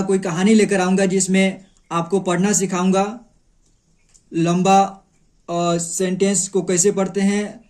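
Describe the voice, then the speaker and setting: A man's voice: high voice, darkish tone. A man teaching how to read and write Hindi letters, patiently repeating each sound and syllable aloud. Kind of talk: slow step-by-step lesson.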